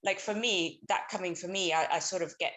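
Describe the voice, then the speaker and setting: A woman's voice: lowish voice, fairly quick, fairly bright tone. Hesitant woman caller from Somalia. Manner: hesitant, many ums and restarts. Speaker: audience caller. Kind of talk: casual remote question.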